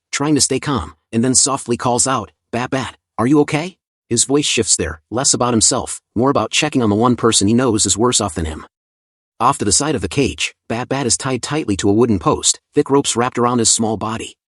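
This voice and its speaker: A man's voice: medium pitch, breathy edge, no echo, studio quality. A man narrating a comic story recap in a casual, conversational scripted style with chatty asides.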